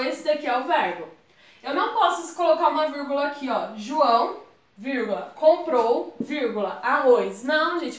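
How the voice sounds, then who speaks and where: A woman's voice: high voice, a bit bright, reverberant. A woman with a Brazilian Portuguese accent explaining exam grammar in a chatty, casual lesson, often calling her viewers "gente". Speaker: exam prep tutor.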